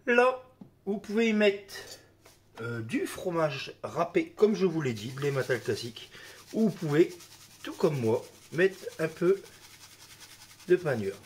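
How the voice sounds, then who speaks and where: A man with a mild cold hosts a cooking video, his fairly high voice sing-song and unhurried, with frequent pauses. He talks casually as he works, filling the gaps with "hop" and "hein," while dishes and utensils clatter and a slight hiss or hum runs underneath.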